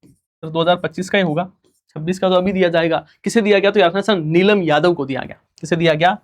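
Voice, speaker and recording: Male tutor, fairly high voice, quick recorded lecture, asks and answers himself. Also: fairly even intonation. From India. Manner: rhetorical questions and repeated answers, student-style replies; fast-talking. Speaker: teacher. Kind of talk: recorded exam-prep lecture.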